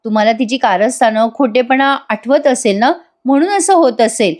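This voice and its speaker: A woman with a Marathi accent voicing a gentle, concerned sister-in-law, in a serial recap. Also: fairly high pitch, moderate pace, lightly acted.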